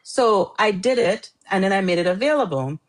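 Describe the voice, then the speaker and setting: Lively intonation marks the mid-range voice of a middle-aged Trinidadian woman, an author appearing as a talkative interview guest who laughs a lot in casual chat. She speaks at a moderate pace, and the recording is rough.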